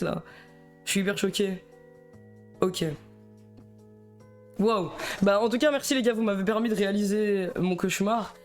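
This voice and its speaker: A young man with a Belgian French accent, chatting nervously and rambling on a live stream, stammering and laughing. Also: high-pitched. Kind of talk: casual live stream chat.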